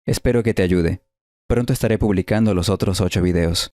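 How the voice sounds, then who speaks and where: A man's voice: low-pitched, a little fast, a little mellow. A man, a native Spanish speaker, explaining patiently in a casual vlog and then drilling practice words over and over. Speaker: vlogger documenting learning to trill R. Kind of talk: casual first-person vlog.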